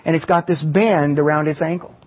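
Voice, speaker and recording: Husky preacher, dull lo-fi recording. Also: male voice, a little high, steady tone. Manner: teaching with illustrations and slow emphatic pauses. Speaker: pastor. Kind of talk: sermon.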